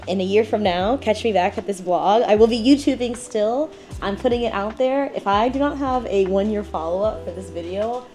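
In a mellow, fairly low voice, a woman in her late twenties speaks to the camera from inside her home. Her vlog is casual and reflective, peppered with lots of "like" fillers.

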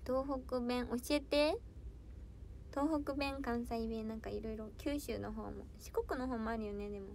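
A woman's voice: a little high, a little slow, gravelly, darkish tone, a little hiss or hum. Giggly young woman idol streaming solo. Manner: playful, giggly, tries out foreign words and dialect phrases. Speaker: idol livestream host. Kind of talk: casual livestream chat reading viewer comments.

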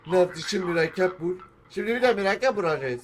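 Tiz, ifadeli ve hızlı konuşan bir oyuncu, hafif bir arka plan gürültüsü eşliğinde oyun yorumu yapıyor. Bulmacaları çözerken kendi kendine konuşuyor, arada heyecanla bağırıyor.

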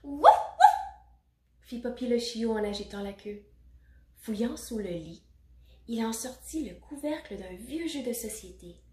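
A woman reading a children's picture book aloud, expressive and adding little asides for children. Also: fairly high pitch, normal speed. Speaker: storybook reader. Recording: roomy echo.

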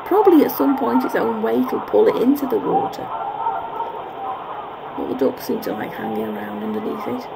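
With a mid-range voice that swoops wildly in pitch at normal speed, this vlogger offers musing, self-correcting narration of her park walk. It's recorded outdoors on a handheld camera's built-in mic amid clear park ambience.

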